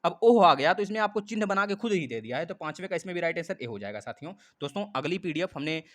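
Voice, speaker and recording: A man teaching a live online class, lively, speaking straight to his students and repeating key points. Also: high-pitched, fast talker, no room sound. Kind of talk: live online exam-prep lesson.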